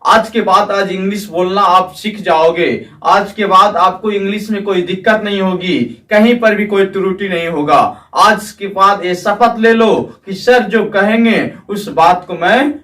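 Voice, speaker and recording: Male teacher with a high voice, drilling English words on repeat; recorded from a distance. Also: measured pace, few pauses, a bit bright. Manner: drills words by repeating them and urging viewers to say them aloud. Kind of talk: energetic classroom-style video lesson. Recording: distant mic in an echoey room.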